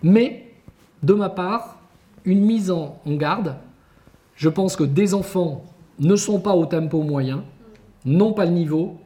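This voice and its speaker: In a high-pitched voice, a man delivers a slow conference lecture to teachers, pausing often. He's an education researcher whose style is animated and emphatic, and he poses rhetorical questions to the audience.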